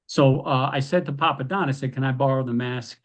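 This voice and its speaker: A man telling wrestling stories as a podcast guest, animated and acting out quoted lines. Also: medium pitch, brisk. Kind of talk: casual storytelling.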